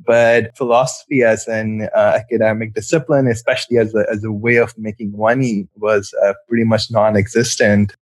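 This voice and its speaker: A man's voice: fairly low pitch, flat delivery, normal speed, few pauses, dry recording. A man from Pakistan, a psychiatrist answering interview questions in a thoughtful way, with many fillers and restarts. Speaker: psychiatrist guest.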